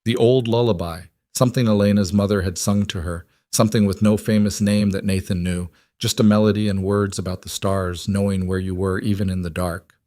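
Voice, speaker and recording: A man reading a scripted story in a calm, measured, soft-spoken way. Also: on the low side, dry recording, clean studio sound.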